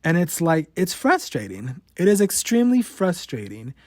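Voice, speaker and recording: His pitch is fairly high and swoops wildly as this late-twenties podcast host candidly discusses his life, cursing frequently. He talks at normal speed with a darkish tone, stuttering through repeated words and broken-off sounds, captured in a dry, clean studio recording.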